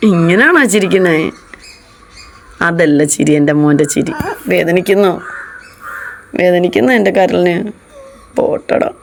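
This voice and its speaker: A young woman talking gently to her small child as a mother, coaxing and soothing with repeated endearments. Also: fairly low pitch, expressive, a little slow, vocal fry, pauses often, a little hiss or hum. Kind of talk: comforting talk to a small child.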